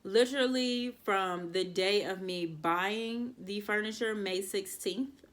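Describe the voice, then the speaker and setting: A young woman vlogging to camera, telling an exasperated storytime in a casual, animated way and talking straight to her viewers. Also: medium pitch, takes it slowly.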